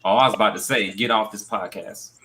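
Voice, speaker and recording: A man co-hosting a casual podcast chat, loud and blunt, jumping in with exclamations. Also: fairly low pitch, a little fast, a loud crowd. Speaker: podcast co-host.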